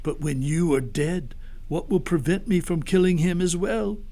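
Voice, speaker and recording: A man's voice: a little high, normal speed, warm tone, voice pushed up, natural voice. A man voicing a fierce, cruel witch queen in a storybook read-aloud, commanding and imperious. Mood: gloating, menacing. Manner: imperious, exclamatory.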